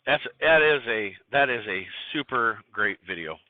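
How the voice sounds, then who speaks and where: A man's voice: on the low side, animated, normal speed, slight background noise. A man hosting a casual solo podcast, rambling and scattered with many fillers and restarts. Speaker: podcast host. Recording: tinny phone-like dry recording.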